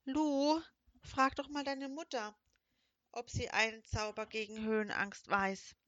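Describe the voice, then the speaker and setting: A woman's voice: on the high side, level tone, measured pace, a bit bright, dry recording. A woman voicing a cheeky little female fairy in an audiobook, teasing and mocking. The recording is dry and a little dull.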